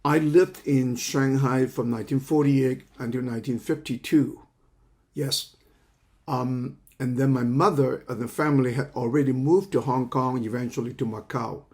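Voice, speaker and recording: This counseling psychology teacher, a Cantonese-speaking man from China in his 70s, gives a lecture introduction. His voice is medium-pitched and slightly mellow with fairly even intonation, and he speaks haltingly, repeating words as he looks for how to say things.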